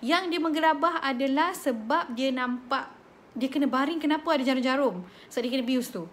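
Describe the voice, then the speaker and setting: A woman in her thirties with a Malaysian accent, hosting a parenting talk and telling stories in a chatty, animated way. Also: high voice, brisk, slight background noise. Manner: chatty, code-switching, animated storytelling. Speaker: host of a parenting slot. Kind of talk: casual live chat, storytelling.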